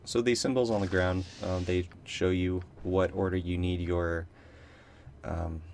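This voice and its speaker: Low flat-voiced young man. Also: measured pace, a little hiss or hum. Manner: rambling, unsure, many ums, self-mocking. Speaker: gameplay commentator. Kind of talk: casual let's play commentary.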